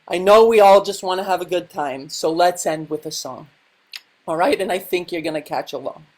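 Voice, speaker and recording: A woman doing stand-up comedy with a slow, wry delivery and a sung parody. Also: fairly low pitch.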